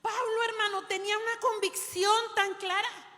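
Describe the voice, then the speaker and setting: Lady preacher, high voice, long hall echo on it. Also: flat delivery, normal speed, pushed and bright. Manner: storytelling, often addresses listeners as brother. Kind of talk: sermon.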